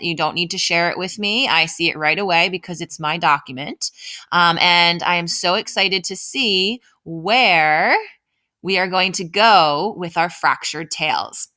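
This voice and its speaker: A woman with a fairly low, sharp-toned voice teaches writing at the elementary level in an informal way. She explains things step by step while thinking aloud, frequently tossing in "right?" to check in.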